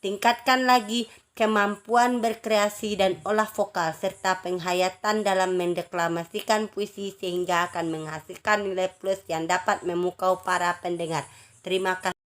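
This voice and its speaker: A woman reading out a judge's feedback one entrant at a time, each remark a short item in a steady, listed rhythm. She stays at a medium pitch and slips into small restarts now and then before going on. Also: moderate pace. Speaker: announcer for a writing community's contest.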